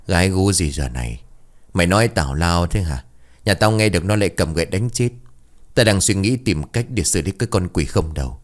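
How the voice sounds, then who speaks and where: Man voicing a gruff old sorcerer, low and scolding, for an audio story. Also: lively intonation, fairly quick. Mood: grumpy. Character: grumpy old male village sorcerer.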